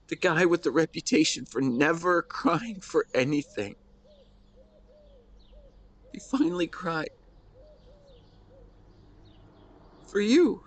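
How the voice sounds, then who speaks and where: In an intimate audio roleplay monologue, a man with a somewhat higher-pitched voice plays a grieving husband speaking tenderly to his lost wife. His words halt with emotion and overflow with devotion, sounding proud and moved. The recording is dry.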